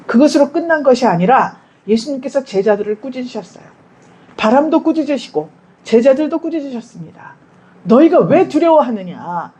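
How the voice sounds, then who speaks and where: A woman preaching a Sunday sermon in a church, her voice high and mellow. She speaks to the congregation in a chatty way, putting questions to them and acting out quoted prayers. Her pitch swings widely from line to line. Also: low-quality recording. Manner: conversational, asks the congregation questions; acts out quoted prayers and dialogue. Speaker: pastor.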